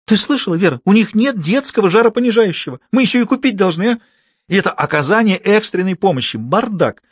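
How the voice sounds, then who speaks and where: A man voicing a loud, quarrelsome village woman in an audiobook, shrill and blustering. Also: big pitch swings, fairly quick, husky, no room sound, studio quality. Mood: scolding. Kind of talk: audiobook character voice.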